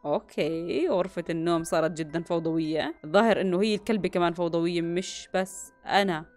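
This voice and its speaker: A woman's voice: lowish voice, quick pace, darkish tone, faint music behind. A young woman, commentating a horror game, gasping and jumping between muttering and yelps. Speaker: gaming YouTuber.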